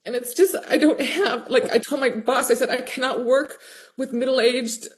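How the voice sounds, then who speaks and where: A woman's voice: sits high, fairly even intonation, moderate pace. A woman teacher on a video call, talking in a rambling, raw and heartfelt way. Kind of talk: emotional casual chat.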